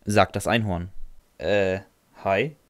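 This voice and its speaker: A man's voice: low-pitched, fairly even intonation, slow pace, no echo. A man narrating a first-person fan audio drama in a dry, sardonic way, answering with hesitant "äh"s.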